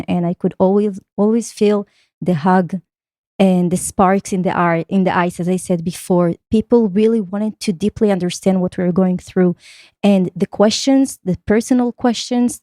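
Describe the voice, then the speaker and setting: A woman's voice: medium pitch, mellow, dry recording, clean studio sound. Earnest woman reflecting aloud. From Israel. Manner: earnest, reflective, speaks in long flowing thoughts. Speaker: guest. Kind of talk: conversational podcast interview.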